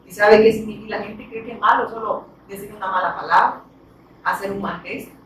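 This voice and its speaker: A woman preaching a sermon who asks her congregation questions and answers them herself, her voice rising loud for emphasis and dropping to soft asides. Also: medium pitch, a little fast. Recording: very echoey hall from far off, faint noise.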